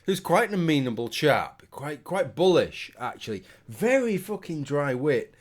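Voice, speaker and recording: A man's voice: fairly high pitch, big pitch swings, unhurried. A British man giving a casual, rambling opinion monologue to his viewers in a tipsy, sweary manner. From United Kingdom. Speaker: video commentator.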